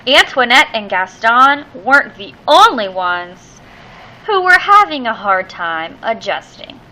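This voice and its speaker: A woman reads a children's storybook in a high, bright voice. Her pitch swings widely as she leans theatrically on key words, drawing them out for young listeners. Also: big pitch swings, a little slow, a little hiss or hum, poor audio. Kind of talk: expressive children's storybook read-aloud.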